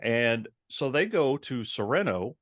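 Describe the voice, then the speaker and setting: A man's voice: mid-range voice, big pitch swings, unhurried, a bit bright, dry recording, clean studio sound. A man co-hosting a casual podcast, talking at length with many ums and restarts. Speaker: podcast co-host.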